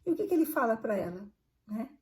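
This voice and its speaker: A woman's voice: a little high, very animated, fast talker, a little mellow. A woman teaching a Bible study, earnest and conversational, repeating phrases for emphasis.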